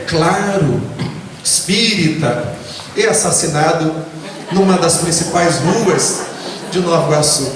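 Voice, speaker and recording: Rio guy preaching spiritist talk, kinda high voice, super echoey hall, faint hum behind. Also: far from the mic. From Baixada Fluminense, Rio de Janeiro, Brazil. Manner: earnest, measured storytelling with lively pitch swings. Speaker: spiritist lecturer. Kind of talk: lecture with personal storytelling. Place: spiritist association lecture hall. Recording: echoey hall recorded from afar.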